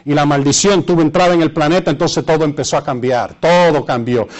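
Man, Puerto Rican Spanish accent, sermon delivery, somewhat high pitch, halting, emphatic repetition. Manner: halting, repeats phrases for emphasis, searches for words. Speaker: preacher. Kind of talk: sermon with Bible readings and asides to listeners.

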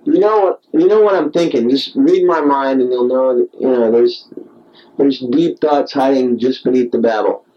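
Late at night, alone with a dictaphone-style tape recorder, a man rambles in a digressive, repetitive, self-mocking way. His voice is mid-range and moderately paced, and the home tape recording sounds dull.

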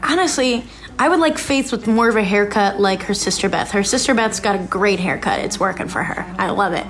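A woman's voice: mid-range voice, a little fast, fairly bright tone. A young woman hosting a podcast, chatting casually and reacting live as she watches a show. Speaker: podcast host. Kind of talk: casual recap chat.

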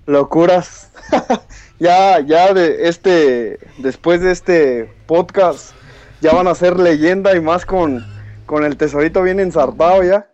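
A man's voice: on the high side, slow pace, darkish tone. Mexican man on a muffled call line. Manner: chatty, laughs often, many restarts and fillers. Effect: heard over an internet call line. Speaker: caller to a podcast. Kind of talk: casual chat, telling an anecdote. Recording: dull, dry internet call audio.

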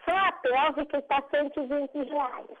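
Sixties lady talking over a tinny phone line, high voice, lots of restarts. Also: moderate pace. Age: 60s. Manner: explains at length with many restarts. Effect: heard over a phone line. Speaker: massage therapist taking a prank call. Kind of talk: casual phone conversation.

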